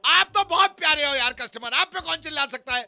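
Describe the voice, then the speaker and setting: High, gravelly man shouting on a prank call. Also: animated, brisk, faint music behind. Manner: shouting, irritable, scolding. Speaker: prank caller playing a tailor. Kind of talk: comedic prank phone call.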